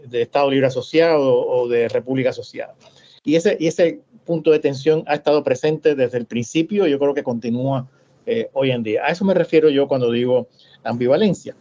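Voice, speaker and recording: Man, Cuban–Puerto Rican accent, dark voice, slightly raised pitch, hesitant academic panelist, dull lo-fi sound. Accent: mix of Puerto Rican and Cuban Spanish. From Cuba. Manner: hesitant, many filler sounds. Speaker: scholar on a panel. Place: lives in Miami.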